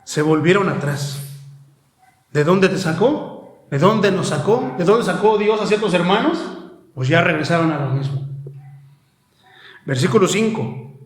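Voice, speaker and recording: Rich A high-voiced man preaches with fervor, calling his listeners "brother" again and again. His voice rings out in an echoey room. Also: animated, unhurried, long pauses. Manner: impassioned preaching, often calls out "brother". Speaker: pastor. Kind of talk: sermon. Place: church.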